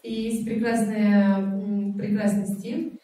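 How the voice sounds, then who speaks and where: A woman's voice: medium pitch, flat delivery, a little slow, warm tone, recorded from a distance, a little hiss or hum. A woman working as a live interpreter, translating a lecture phrase by phrase with hesitant fillers and restarts. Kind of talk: consecutive spoken translation of a class. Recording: echoey hall, voice set back from the mic.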